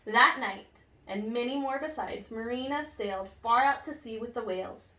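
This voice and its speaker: Her voice fairly high, a children's storyteller performs a picture book read-aloud with lively expression, breaking off like a teacher to question her young audience and explain. Sound comes from a far-off mic in a roomy space, with slight noise.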